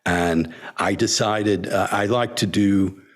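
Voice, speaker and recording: An older man, a senior disciple, reminiscing in a storytelling talk, halting with many fillers and frequent chuckles. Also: fairly low pitch. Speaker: senior disciple telling stories.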